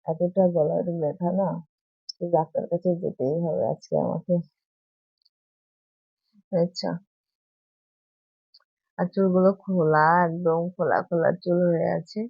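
A woman, hoarse from a cold, chatting in a rambling, repetitive way to her viewers in a casual morning vlog. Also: on the low side, steady tone, a little slow, long pauses, dry recording. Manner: rambling, repetitive, keeps asking viewers if they follow. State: hoarse from a cold and sore throat. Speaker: vlogger. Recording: tinny phone-like audio.

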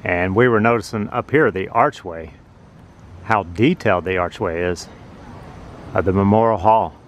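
A man narrating a walking tour outdoors on a city sidewalk, explaining things slowly and plainly as he films with a handheld phone. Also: lowish voice, slight background noise. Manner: slow, plain, informative. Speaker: vlogger touring a building. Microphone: handheld phone camera.

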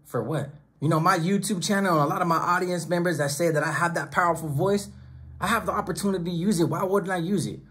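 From a small home studio with monitors and speakers, a middle-aged man hosting his own channel sits at his desk and speaks straight into a close camera. His husky voice sits high and is a bit bright; he's a fast talker whose commentary is emphatic and preachy, often built from stacked lists of phrases.

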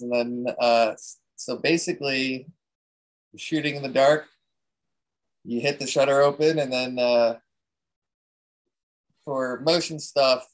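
A man of medium pitch talking casually through a photography technique. He rambles a bit and often restarts his sentences with "um" and "so," in an easygoing way. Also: low-quality recording. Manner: relaxed, rambling, many fillers and restarts. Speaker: presenter at a photography talk.

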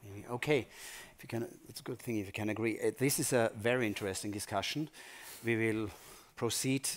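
A man's voice: on the low side, fairly quick. A man moderating a panel discussion on a conference stage, asking brief prompting questions with many fillers. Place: conference hall stage, indoors.

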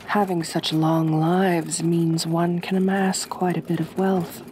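With a lowish voice and slight background noise, a woman voices a kind, possessive aristocratic vampire mistress for ASMR roleplay. She speaks gently, in a soothing, measured, genteel manner.

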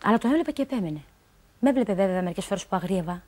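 A woman's voice: mid-range voice, lively intonation, a little mellow. A woman telling a personal story on a talk show, rambling along, quoting what others told her and filling gaps with stock phrases.

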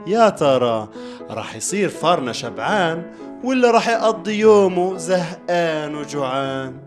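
A man's voice: on the high side, big pitch swings, moderate pace, faint music behind. A man with a Levantine Arabic accent narrating a children's story as a theatrical storyteller.

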